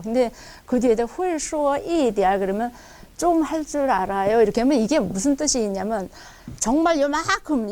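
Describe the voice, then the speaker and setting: Woman teaching, slow drawn-out drills. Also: fairly high pitch, a little mellow. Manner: repeats drill sounds slowly and drawn out, then explains quickly. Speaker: Chinese language teacher. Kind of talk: online lesson, explaining and modeling pronunciation. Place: recorded for an online class video.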